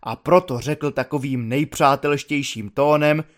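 A man narrating an audiobook in an expressive, ironic storytelling manner. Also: fairly high pitch.

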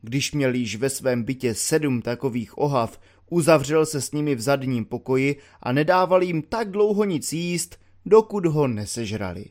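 A man narrating an audiobook in a measured storytelling way, slowing down for the dramatic lines. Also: mid-range voice, expressive, a little mellow. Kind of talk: audiobook reading.

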